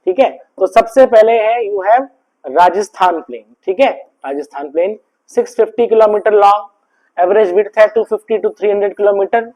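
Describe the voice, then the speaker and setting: High-voiced man teaching. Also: moderate pace, darkish tone, poor audio. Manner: keeps checking if students understood; mixes English terms into explanations. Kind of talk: classroom lecture.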